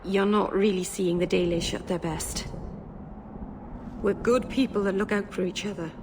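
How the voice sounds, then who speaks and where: Woman playing a earnest young elf mage, apologetic, mid-pitched voice, clear background noise. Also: fairly even intonation, normal speed, close to an everyday voice. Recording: game audio with clear noise.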